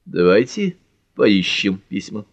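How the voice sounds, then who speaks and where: A man's voice: fairly low pitch, big pitch swings, slow, vocal fry, dry recording, heavily acted. A man reading as a wry, ironic detective. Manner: dry, ironic. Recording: dull dry lo-fi audiobook.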